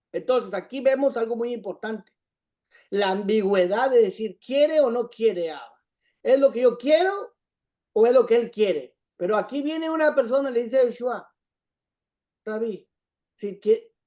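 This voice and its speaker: A Bible study teacher explaining scripture, repeating points and often checking in with a quick "right?". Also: mid-range voice, mellow. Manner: repetitive, checks in with "¿sí?".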